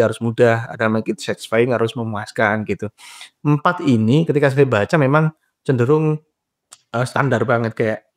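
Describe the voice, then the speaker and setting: A young adult man, a guest in a casual interview, explaining points lively and acting out dialogues with short laughs. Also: medium pitch. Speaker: guest, graduate psychology student and trainer.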